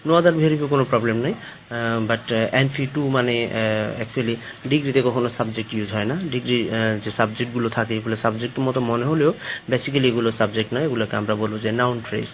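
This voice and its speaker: A man's voice: medium pitch, steady tone, brisk, slight background noise. A man teaching an English grammar lesson, hesitating often and spelling words out letter by letter. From Bangladesh.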